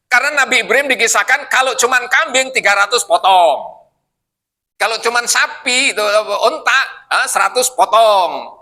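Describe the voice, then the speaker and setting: A man's voice: very high-pitched, animated, moderate pace, pushed and bright. A man preaching a casual evening Quran study sermon in a mosque, joking and putting questions to the congregation. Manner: jokey, asks the congregation questions.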